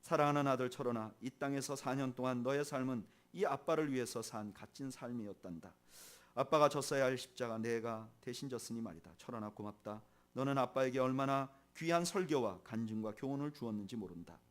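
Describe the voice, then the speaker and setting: A man preaching as a pastor, reading a tender letter to his son who has died. His voice is of middle pitch, and his grief shows as it softens and drops at the close of each phrase. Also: fairly quick. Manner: tender, grieving, softening and sinking at phrase ends.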